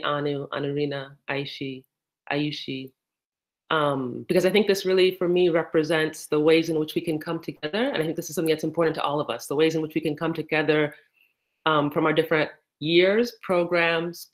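A woman in her thirties from the United States, giving a casual, thoughtful research talk over a laptop video call with frequent fillers. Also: sits low. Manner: conversational, thoughtful, many fillers. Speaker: PhD candidate presenting research. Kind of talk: casual online presentation. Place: indoor room.

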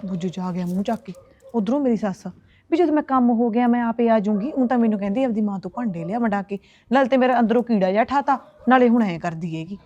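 A woman's voice: fairly high pitch, a little mellow, slight background noise. A woman acting a young wife who scolds her husband in a comic web series. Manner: scolding, fast village chatter. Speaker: actor playing a young wife. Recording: dry, muffled lo-fi phone audio.

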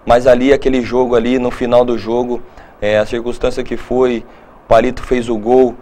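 A footballer in his thirties answers interview questions on a studio set. He speaks at a middle pitch, stopping and restarting his sentences as he thinks, picked up by a lapel mic. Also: flat delivery, dark tone, slight background noise. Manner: halting, repeats words while thinking.

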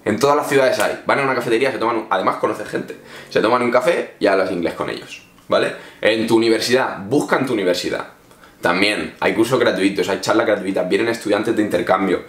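A man from Spain talks straight to his viewers in a loose, chatty vlog, handing out informal advice. His voice sits low. The room around him is echoey. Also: quick pace, fairly bright tone. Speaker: English teacher vlogger. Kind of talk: casual advice talk to camera.

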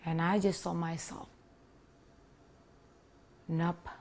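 Speaking slowly in a flat, fairly low voice with a darkish tone, a woman in her thirties from Indonesia delivers a personal testimony to the camera. She is earnest, with an Indonesian accent and a few small grammar slips. Her setting is an indoor living room with a leather sofa, and she wears a lapel mic.

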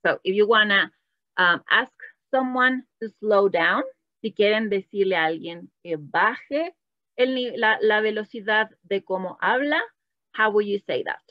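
Here a Latin American woman leads an online Spanish lesson, mixing English and Spanish as she patiently cheers students on. Her medium-pitched voice is unhurried. The recording is dry and lo-fi, typical of a bilingual online class.

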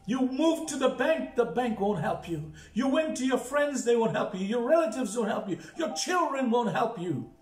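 A man's voice: very high voice, very animated, moderate pace, few pauses. A male pastor telling a story in a sermon, with dramatic, repeated emphasis. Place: church. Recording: echoey church with faint music.

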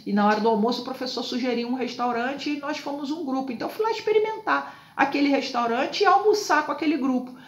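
A woman's voice: high voice, animated, quick pace, few pauses, reverberant. A woman hosting a casual self-help talk, chatty and loose, often ending her lines with little tag questions. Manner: chatty, fills lines with tags like "tá?" and "né?". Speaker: self-help video host. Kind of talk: casual talk on a book chapter.

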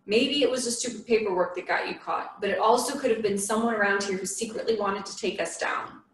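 A woman's voice: medium pitch, brisk, lightly acted. A woman reading the lines of a worried, weary father, in a plain, tired voice. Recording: echoey room from a distant mic.

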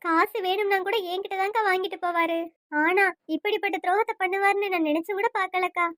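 A woman's voice: very high voice, steady tone, fast talker, a bit bright, dry recording, clean studio sound. A woman voicing a heartbroken young wife in a cartoon, crying as she speaks about her husband's betrayal. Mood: grieving. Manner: tearful, sorrowful.

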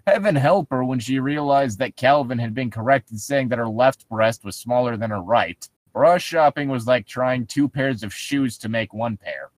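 A man casually bantering and reading a story aloud, sardonic and quick to swear. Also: mid-range voice, no echo, poor audio.

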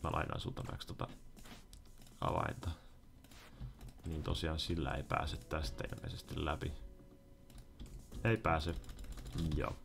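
Gravelly low-voiced young man gaming. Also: long pauses. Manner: excitable, talks to himself, swings from mutters to loud outbursts. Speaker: gaming YouTuber. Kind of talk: let's play commentary.

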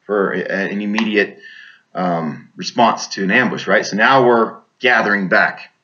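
A man's voice: lowish voice, bright, forceful tone, highs cut off. Plain-spoken man telling a war story. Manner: plain-spoken, halting, often restarting his sentences. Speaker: military veteran. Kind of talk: personal storytelling.

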